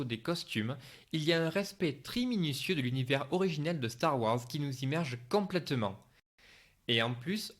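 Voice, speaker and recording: A man's voice: fairly high pitch, a bit bright. A man reading a scripted film review as a voice-over narration.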